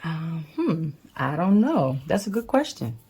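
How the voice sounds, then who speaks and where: Her low, mellow, husky voice swings widely in pitch and moves a little slowly. She's a mother sharing a picture book with her child, chatting casually and explaining things with simple patience.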